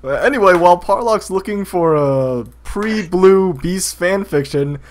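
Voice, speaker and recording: A man's voice: high-pitched, animated, a little slow. A man hosting a casual gaming podcast over a voice call, laughing often and sounding exasperated. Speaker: podcast host.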